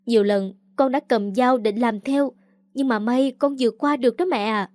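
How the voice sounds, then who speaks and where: A woman's voice: fairly high pitch, moderate pace, darkish tone, dry recording, studio quality, close to an everyday voice. A woman reading aloud the lines of a young woman who sobs and begs for forgiveness, in a storybook narration. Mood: pleading. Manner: sobbing, pleading. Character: tearful pleading young woman, scheming.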